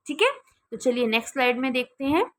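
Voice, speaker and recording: A woman with an Indian accent teaching accounting, explaining in Hindi and reading English definitions slowly. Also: high-pitched, animated, fairly bright tone. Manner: explains in Hindi, reads English definitions slowly, asks and answers her own questions. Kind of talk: classroom explanation over slides.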